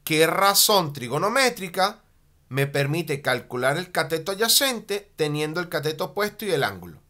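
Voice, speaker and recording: A man teaching a math lesson at a board, animated, often checking in with a quick "ok?" and slowing down on key terms as he writes. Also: fairly high pitch. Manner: slows down and stretches key terms while writing.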